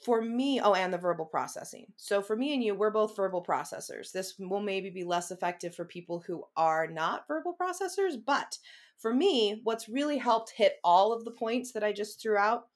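A woman's voice: medium pitch, moderate pace. A woman hosting a conversational podcast, talking animatedly and acting out her own inner dialogue. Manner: animated verbal processor, acts out inner dialogue. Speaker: podcast host. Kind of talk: casual conversation.

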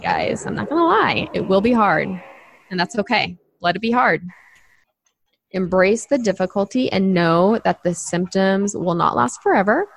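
A woman's voice: mid-range voice, vocal fry, slight background noise. A woman co-hosting a casual podcast as a nutrition coach, chatty and encouraging, full of "like" and "you know". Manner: encouraging, speaks directly to listeners.

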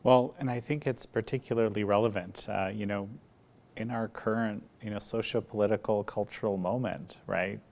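A man hosting an interview, asking questions in a halting way with many fillers and tag questions. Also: lowish voice, steady tone, gravelly, darkish tone. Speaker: podcast host. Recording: faint background noise.

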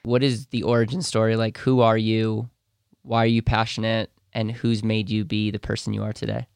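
Male podcast host, smooth and clear, enthusiastic interviewer, dry studio mic. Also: lowish voice, completely flat delivery, moderate pace, dry recording. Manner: enthusiastic, frequent affirmations.

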